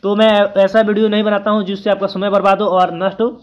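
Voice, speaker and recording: High-voiced man teaching exam prep. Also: level tone, fast. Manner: chatty, keeps adding "ठीक है" after points; thinks aloud, corrects himself mid-answer. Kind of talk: casual exam-prep lesson.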